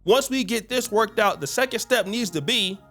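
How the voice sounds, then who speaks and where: A man's voice: high voice, moderate pace, fairly bright tone, faint music behind. A man reacting to a clip in an earnest, lecturing commentary with rhetorical questions, speaking into a studio mic. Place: small studio set. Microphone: studio mic with headphones.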